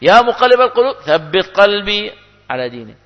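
A man's voice: sing-song, brisk, fairly bright tone. Male preacher, emphatic lesson delivery; dull lo-fi recording with long hall reverb. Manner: emphatic, rises in pitch and volume when quoting prayers. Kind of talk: religious lesson on supplication.

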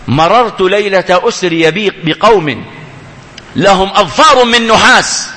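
Male preacher, lively swooping pitch, reverberant hall sound. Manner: impassioned, swings between loud cries and low hushed lines. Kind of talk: sermon.

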